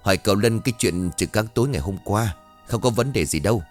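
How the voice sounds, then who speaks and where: A man's voice: lowish voice, expressive, quick pace, soft background music, lightly acted. A man doing a composed police captain. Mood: calm.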